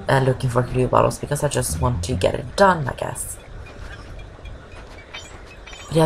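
A Norwegian woman who isn't an English speaker rambles casually over a game walkthrough, saying "I guess" a lot. Her voice is rumbling low and gravelly, the recording rough, and loud game music plays under her gameplay commentary.

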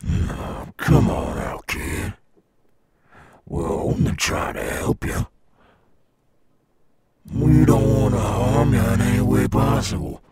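A man playing a cool, swaggering animatronic alligator rockstar in an ASMR roleplay, gravelly and coaxing, as if talking to a child. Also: fairly low pitch, lively intonation, darkish tone, full character voice. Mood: coaxing, searching. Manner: slow, coaxing, addressing a child listener. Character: cool, swaggering male animatronic alligator rockstar guarding his golf course.

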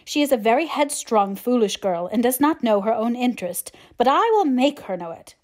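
A woman's voice: on the high side, expressive, normal speed, a little mellow, natural voice. A woman voicing a flustered, pleading middle-aged mother in an audiobook, agitated, exclamatory and insistent. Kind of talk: audiobook character acting.

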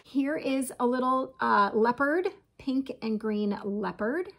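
Chatting casually from her kitchen, a woman in her forties who makes crochet videos shows her crafts to viewers and keeps calling them "you guys." She speaks slowly at a fairly high pitch.

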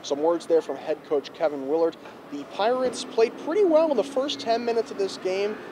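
A young man reporting a postgame recap outdoors on a handheld mic, brisk and stat-heavy. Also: sits high, lively intonation. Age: young adult. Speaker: student sports reporter. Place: outdoors in front of an arena. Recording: faint street noise outdoors.

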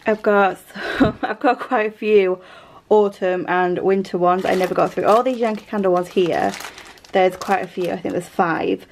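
A woman's voice: mid-range voice, steady tone, normal speed, slight background noise. Young British woman, casual vlogger, chatty and upbeat, recorded on a camera mic in a living room. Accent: British English. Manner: chatty, upbeat, rambling with fillers and light laughs. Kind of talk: casual haul vlog chat. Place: home living room, indoors.

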